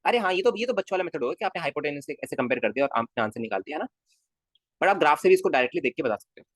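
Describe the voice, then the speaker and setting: A man's voice: a little high, animated, rapid-fire, fairly bright tone, no room sound, clean studio sound. A male physics teacher in a casual live class, coaxing his students with constant questions and calling them kids. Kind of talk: live online class lecture.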